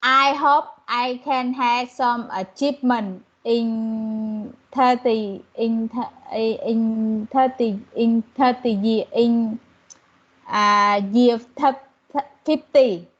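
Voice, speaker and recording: Slow, hesitant woman with Vietnamese accent. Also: fairly high pitch, fairly even intonation, muffled recording. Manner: hesitant, searching for words. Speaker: English student.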